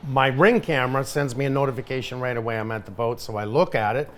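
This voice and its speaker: A middle-aged man tells a story on his own podcast in an animated, emphatic way. His speech is casual, and he keeps circling back to the same points. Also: medium pitch, fast talker. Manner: animated, emphatic, repeats himself. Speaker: podcast host.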